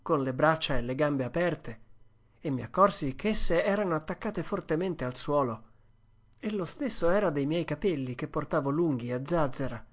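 A narrator giving a steady, expressive first-person reading of a classic adventure story as an audiobook. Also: mid-range voice, normal speed.

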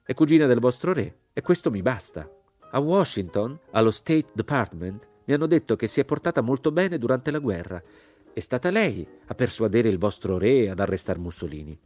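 A man's voice: mid-range voice, big pitch swings, normal speed, a little mellow, soft background music, voice pushed up. A man reading as a haughty, moralizing older American society woman, cold and indignant.

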